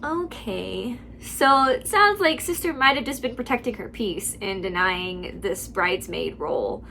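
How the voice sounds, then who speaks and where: Speaking a little slowly at a medium pitch, with vocal fry and a pushed, bright delivery, a woman reads online stories for her channel and reacts casually. Her intonation is lively, her talk full of "like" fillers and laughter, and there is slight background noise.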